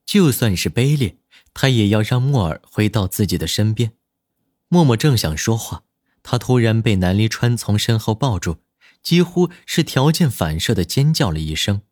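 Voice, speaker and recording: A man with a lowish voice reads a romance drama aloud with expressive, lively storytelling. His pitch rises and falls widely. The sound is dry and close, with no room around it. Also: moderate pace, no room sound. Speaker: audiobook narrator. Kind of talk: scripted dramatic narration.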